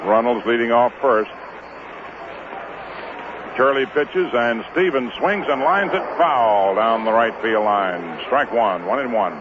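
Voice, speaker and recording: Slow and animated, with a mid-range voice, an American man gives clipped baseball play-by-play in classic 1950s radio fashion. The outdoor ballpark recording is muffled and full of noise.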